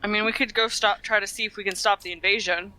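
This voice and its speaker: A woman's voice: mid-range voice, fairly even intonation, fast talker, sharp tone, poor audio. A woman chatting casually as a player in a tabletop game, hesitantly thinking aloud. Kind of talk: casual chat during a game.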